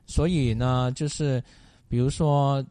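A man's voice: medium pitch, fairly even intonation, slow pace, mellow, dry recording. A male guest in a talk-show interview, explaining at length in a methodical way with many fillers. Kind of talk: casual interview answers.

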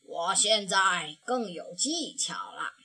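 A woman voicing a kind, patient old grandfather bear in a children's storybook reading, speaking gently with sighing pauses. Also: on the low side, breathy edge, pitched below the performer's own voice, exaggerated voice. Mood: gentle.

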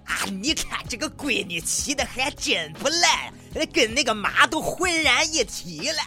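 A man voicing a fretful older farm uncle in a high, strained, rustic voice, in a comic audio sketch. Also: big pitch swings, a little slow, sharp tone, faint music behind, exaggerated voice. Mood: pleased.

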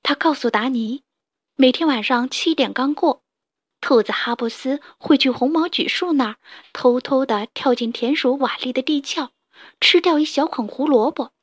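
A woman storyteller reading a children's story aloud in a gentle, expressive way. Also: sits high, normal speed, dry recording, studio quality. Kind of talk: storybook narration.

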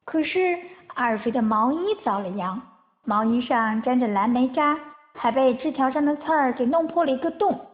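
Woman reading a children's story, sing-song, animated, high voice, phone-like sound. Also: normal speed.

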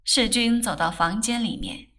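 A woman narrating a novel aloud in a measured, expressive way. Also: fairly high pitch. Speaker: audiobook narrator. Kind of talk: novel reading.

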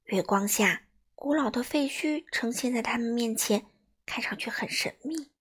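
A woman reading a story aloud for children in an expressive, sing-song way. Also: a little high, normal speed, slightly rough.

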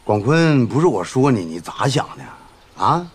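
A calm Northeastern village man in a mid-range voice with lively inflection, scolding gently and talking others down. A faint room hum sits behind him. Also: medium pitch, vocal fry. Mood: reproachful. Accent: Northeastern Mandarin. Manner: measured, reproachful.

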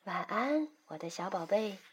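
Husky storybook mom, loving but fierce, pitch swinging freely, read by a woman. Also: very animated, a little slow. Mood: gentle. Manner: gentle and soothing, turning loud and scolding.

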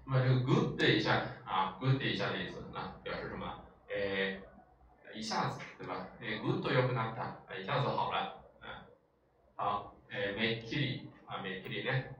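A man delivers a classroom lecture, explaining points step by step and checking in with his students again and again. His voice sits a little low. The recording catches him from a distance in a strongly echoing room with a faint hiss underneath. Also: fairly quick, a bit bright, lo-fi sound. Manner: explanatory, frequent filler sounds and rhetorical checks. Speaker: Japanese language teacher. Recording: echoey room, far from mic, faint noise.

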